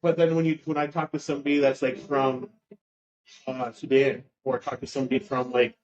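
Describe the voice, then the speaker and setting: A man's voice: medium pitch, flat delivery, brisk, a little mellow, highs cut off. A man hosting a podcast, talking in a rambling casual way with lots of fillers and restarts. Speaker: podcast host.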